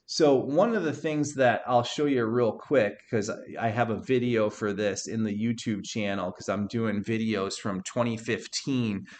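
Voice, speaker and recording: A man's voice: on the low side, measured pace, few pauses, slight background noise. Upbeat man coaching essay writing. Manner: energetic coaching, many "right?" tags. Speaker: writing teacher. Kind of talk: student-facing writing workshop.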